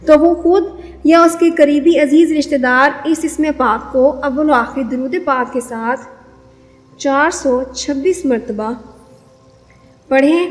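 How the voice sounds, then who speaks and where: A woman giving measured religious instruction, explaining devotional prayers and telling moral stories. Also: sits high. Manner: measured, didactic, repeats prayer counts. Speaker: Islamic devotional speaker. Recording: long reverberant echo.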